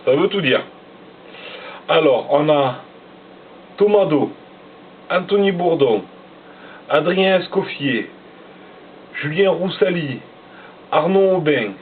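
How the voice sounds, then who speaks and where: A man talks casually at an unhurried pace, often stumbling over names and laughing at himself. His voice sounds thin and phone-like, as if picked up from a distance, with faint noise behind him. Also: a little high. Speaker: motocross vlogger. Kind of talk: casual chat reading out a rider list. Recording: tinny phone-like sound from away from the mic.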